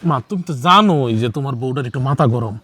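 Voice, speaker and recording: A man's voice: medium pitch, animated, fast talker, music in the background, close to an everyday voice. An actor playing a meek young son torn between mother and wife, stammering and coaxing, in a TV drama. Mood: pleading. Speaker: son and husband. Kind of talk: TV drama acting.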